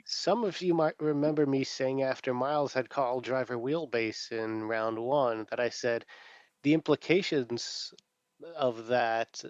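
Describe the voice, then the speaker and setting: Playful contestant on a dull lo-fi mic. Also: male voice, medium pitch, steady tone, a little slow, dry recording. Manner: playful, chuckling. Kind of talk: casual banter on a voice call.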